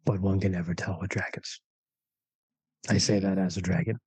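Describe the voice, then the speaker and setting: A man voicing a cautious ancient dragon advisor in a measured, solemn, cryptic dragon voice for a tabletop game. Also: low voice, fairly even intonation, a little mellow, husky, dry recording. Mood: grave, cryptic.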